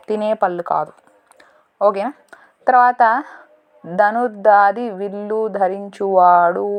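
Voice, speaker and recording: A woman solving a word puzzle in a casual lesson, thinking aloud, slow and deliberate, correcting herself as she goes. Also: medium pitch. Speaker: teacher solving a crossword.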